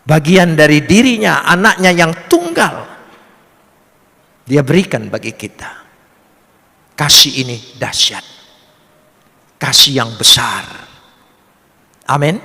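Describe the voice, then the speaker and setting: A male pastor delivers a sermon in a fairly high, bright, forceful voice. He builds each phrase to a loud, emphatic peak, then sinks back to a hushed, earnest tone. His voice rings out with a long reverb, as in a large church hall. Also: expressive, slow, vocal fry, pauses often. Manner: preaching with swelling emphatic peaks and quiet drops.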